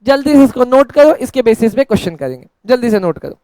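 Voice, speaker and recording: A male teacher giving a lecture in a playful way, dictating notes slowly word by word and answering his own questions in a mock student voice. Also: extremely high pitch, lively intonation, dark tone, no room sound. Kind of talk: classroom lecture.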